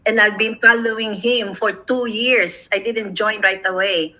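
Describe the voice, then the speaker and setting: A woman's voice: medium pitch, fairly even intonation, measured pace, sharp tone, low-quality recording. A middle-aged woman from the Philippines, hosting a casual chat over a video call, rambling and laughing often. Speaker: host.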